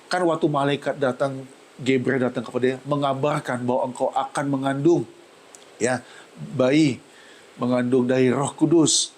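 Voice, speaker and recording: A man preaching a heartfelt church sermon, his voice climbing high when he is moved and sounding tearful. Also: steady tone, normal speed, pauses often, a little mellow, low-quality recording. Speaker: pastor. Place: church service.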